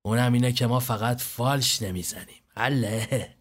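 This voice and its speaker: A man's voice: mid-range voice, close to an everyday voice. A man voicing a cocky young male gang member who talks in flippant, joking banter.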